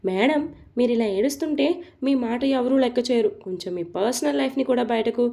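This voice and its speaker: A woman's voice: on the high side, fairly quick, gravelly, mellow. A woman voicing a chatty, reassuring young assistant. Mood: soothing. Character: young female office assistant, caring and frank.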